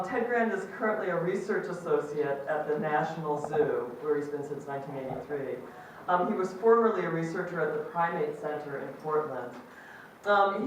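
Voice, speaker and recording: A low-voiced woman who chairs a department welcomes a ceremony audience cheerfully, with frequent ums. Her amplified microphone is recorded from a distance in a large, very echoey lecture hall, with slight background noise.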